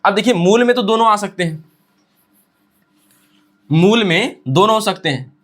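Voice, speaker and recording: A man teaching a science class, asking questions and answering them himself, and repeating definitions slowly for dictation. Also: sits high, lively intonation, a bit bright. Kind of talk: classroom lecture.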